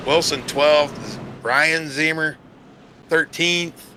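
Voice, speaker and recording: A man's voice: on the high side, very slow, noisy background. A man giving casual, joking color commentary on a sim race.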